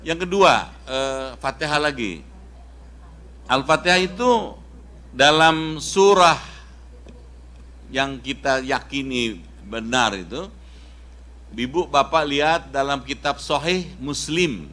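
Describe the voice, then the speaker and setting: A middle-aged man from Indonesia preaching a casual sermon in a mosque, telling a story with lively quoted voices. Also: medium pitch, slow, pauses often.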